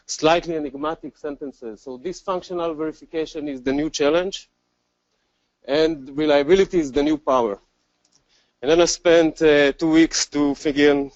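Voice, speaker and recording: A man with an Israeli accent presents a technical talk at a conference, pausing often with ums and restarting sentences. His voice sits a little high for a man, and the recording is dry and dull, with a lo-fi edge. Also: darkish tone, no echo. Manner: self-deprecating, many fillers and restarts. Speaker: conference speaker.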